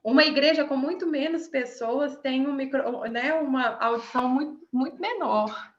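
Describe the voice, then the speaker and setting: A woman's voice: high-pitched, normal speed, muffled recording. A woman preaching informally to a small group over a video call, emphatic and asking the listeners questions.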